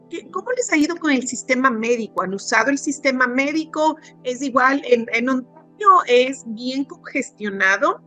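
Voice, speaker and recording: Woman host, 40s, high bright voice, lively chatty manner, soft music underneath. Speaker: immigration consultant host. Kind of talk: casual interview chat.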